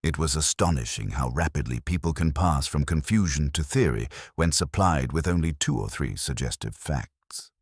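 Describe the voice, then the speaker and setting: A man narrating a mystery audiobook in a measured, expressive storytelling manner. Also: very deep voice, slightly rough, no echo, studio quality.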